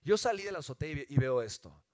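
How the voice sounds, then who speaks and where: Man, Mexican accent, motivational mentor talk, emphatic, fairly high voice, dry close sound. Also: fast talker, no echo. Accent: Mexican Spanish. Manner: emphatic, animated, asks rhetorical questions. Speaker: business mentor.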